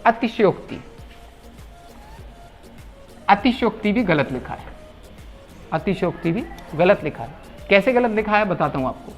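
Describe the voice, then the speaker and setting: A man teaching correct Hindi spelling, repeating words slowly and asking the viewers rhetorical questions. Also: high voice, expressive, soft background music. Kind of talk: explaining spelling at a whiteboard.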